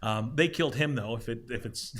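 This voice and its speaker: A man's voice: medium pitch, a little fast, noisy background. A man hosting a live podcast among friends, joking around and quizzing the group with trivia. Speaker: podcast host. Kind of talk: casual group chat.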